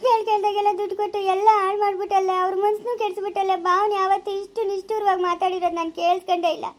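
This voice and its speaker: A desperate young wife begs through tears in a village family drama, played by a woman. Her very high voice cracks as she wails and pleads. Tearful and raw. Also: fairly even intonation, brisk. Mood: reproachful. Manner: pleading, wailing. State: crying.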